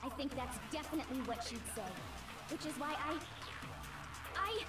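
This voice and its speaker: High-pitched theatrical anime game girl. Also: lively intonation, normal speed. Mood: earnest, resolute. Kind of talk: dubbed anime video game voice acting. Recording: game audio under loud music. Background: loud game music.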